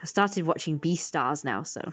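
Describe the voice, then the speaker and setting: Low-pitched and expressive, a woman talks at a normal speed during a casual livestream. She's an artist drawing on stream, rambling along and criticizing herself.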